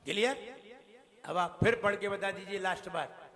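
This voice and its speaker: High-voiced monk teaching chant pronunciation. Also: male voice, a bit bright. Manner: patient, corrects and repeats words, chants verses slowly. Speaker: Jain monk teaching recitation. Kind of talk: pronunciation lesson. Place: temple hall. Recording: long hall reverb.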